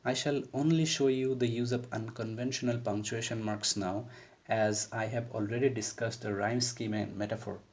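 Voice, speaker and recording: A man with a voice on the low side, steady and moderately paced, delivers a recorded poetry lecture. He methodically explains the poem's terms step by step as a literature lecturer.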